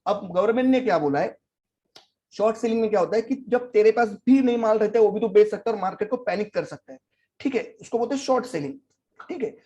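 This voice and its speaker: A man's voice: high voice, animated, quick pace, mellow. A man giving a casual stock market lesson, bluntly scolding the chart as he walks through it. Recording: slightly dull lo-fi recording.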